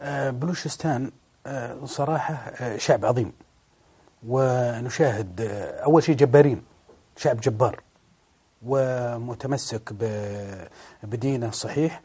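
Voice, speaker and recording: A man giving political commentary as a studio guest, measured and full of hesitant fillers. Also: mid-range voice, warm tone, breathy edge.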